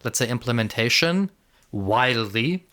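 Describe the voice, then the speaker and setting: Here a man co-hosts a relaxed conversational podcast, thinking aloud as he rambles and repeats words. He speaks a little slowly in an expressive, medium-pitched voice that sounds bright and forceful.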